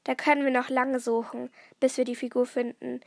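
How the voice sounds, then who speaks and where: A woman voicing an excitable young girl detective, eager and breathless. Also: high-pitched, brisk, gravelly, no room sound, studio quality. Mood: anxious.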